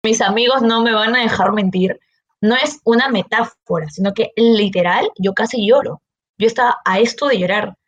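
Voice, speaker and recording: A young woman with a Peruvian Spanish accent, a student telling an anecdote in a casual, animated way with frequent laughs. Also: on the high side, highs cut off. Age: young adult. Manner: animated, laughs often, quick asides. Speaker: engineering student, guest.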